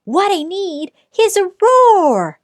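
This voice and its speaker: Storybook mouse, small and timid, squeaky and high, put on by a woman reader. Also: big pitch swings, takes it slowly, exaggerated voice. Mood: hopeful. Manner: squeaky and wide-eyed, with little gasps. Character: small timid male mouse, eager and hopeful.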